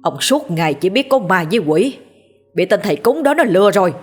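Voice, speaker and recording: A woman voicing a hot-tempered young village man who shouts threats in quick bursts. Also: medium pitch, big pitch swings, faint music behind. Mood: furious.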